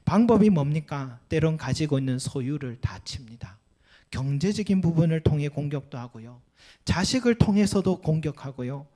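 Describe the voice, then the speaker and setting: A male pastor preaching a sermon with earnest emphasis. He rises on key points and drops softly at the ends of sentences. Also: expressive, normal speed. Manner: earnest preaching with rising emphatic peaks and soft low endings; acts out quoted complaints and Bible lines.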